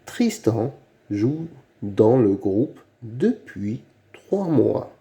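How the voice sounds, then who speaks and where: Slow, deep-voiced man teaching reading. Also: big pitch swings, warm tone. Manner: says each word slowly, then repeats it; asks the listener questions, patient and clear. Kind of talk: slow read-aloud phonics lesson for children.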